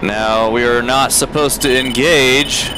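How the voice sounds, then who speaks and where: A man's voice: mid-range voice, slow. A man playing a flight simulator and giving casual commentary, thinking aloud and muttering key presses over an aircraft engine drone. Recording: steady aircraft cockpit noise behind. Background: game aircraft engine drone.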